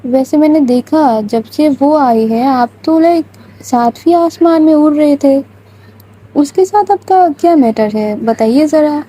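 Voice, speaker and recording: A woman's voice: high-pitched, warm tone, pitched above the performer's own voice, lightly acted, poor audio. A woman voicing a thoughtful young woman who teases and questions her new girlfriend. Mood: prying. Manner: teasing, questioning.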